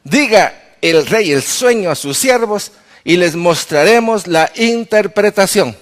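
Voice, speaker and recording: A man's voice: sits high, expressive, measured pace. A man voicing nervous court magicians who plead with and argue against their king, in a sermon. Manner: pleading, defensive. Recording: reverberant church hall.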